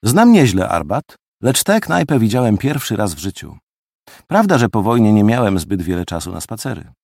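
A man reading a first-person audiobook story with lively, expressive delivery. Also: on the low side, moderate pace, creaky, dry recording, clean studio sound. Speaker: audiobook narrator.

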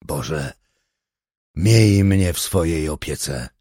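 A man voicing a desperate but resolute father who speaks quietly and gravely in an audiobook. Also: rumbling low, lively intonation, extremely slow, no echo, clean studio sound, pitched below the performer's own voice, heavily acted. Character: desperate father facing death, resolute and loving.

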